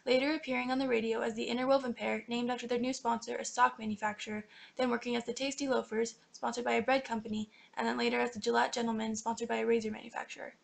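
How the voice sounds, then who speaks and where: The narrator of a student history project, a young woman, reads her scripted documentary straight off the page. She delivers it flatly and at a fast clip, her somewhat high voice frayed with strong fry at the phrase edges.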